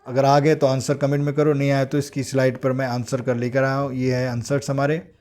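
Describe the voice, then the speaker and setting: A man with an Indian accent teaching English phrases in a bilingual lesson, reading each example sentence slowly and carefully before explaining it in Hindi. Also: mid-range voice, warm tone. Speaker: English teacher for exam aspirants.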